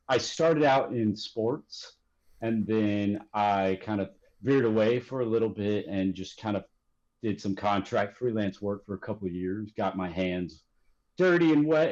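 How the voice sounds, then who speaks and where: A man chatting casually as a podcast guest, telling his story in a relaxed, self-deprecating way with many fillers. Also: fairly low pitch. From Texas. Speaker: podcast guest, graphic designer. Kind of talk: casual chat. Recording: dull lo-fi sound.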